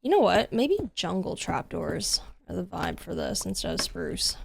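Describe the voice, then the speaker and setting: A woman's voice: fairly low pitch, big pitch swings, normal speed, vocal fry, slight background noise. A woman streaming a game from home, chatting casually with viewers in a rambling way, full of "like" and "literally". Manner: chatty, rambling, lots of 'like' and 'literally'. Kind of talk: casual livestream chat while gaming. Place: home room.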